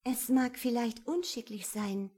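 A woman voicing a shy, delighted young woman in love, with a breathless, softly excited delivery in an audiobook. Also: on the high side, unhurried, breathy edge. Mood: bashful. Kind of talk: audiobook character reading.

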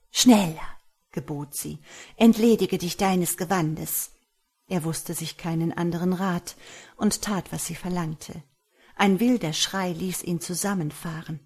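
A woman reads a dark fairy tale aloud in a measured, dramatic way. Her voice sits low and sounds somewhat husky and breathy. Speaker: narrator. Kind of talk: storytelling audiobook narration.

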